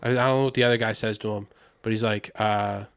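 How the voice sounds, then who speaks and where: A man's voice: lowish voice, fast, creaky, clean tone. A man hosting a podcast in a casual, rambling sports chat, joking and swearing as he goes. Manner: animated, rambling, profane, joking. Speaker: podcast host.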